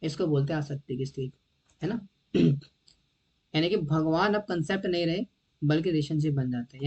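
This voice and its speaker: A man giving a devotional lecture in a conversational way, often checking whether his listeners follow and often clearing his throat. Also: on the high side. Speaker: devotional teacher.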